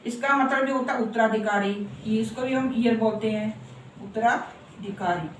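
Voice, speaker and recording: A woman with a somewhat high voice teaches a grammar lesson. She says key words over and over, stretching them out, and keeps asking the listener to agree. She is recorded from some distance in a roomy, echoey space with faint noise behind her. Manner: repeats words slowly and asks for agreement. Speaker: English teacher. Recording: echoey room from far off.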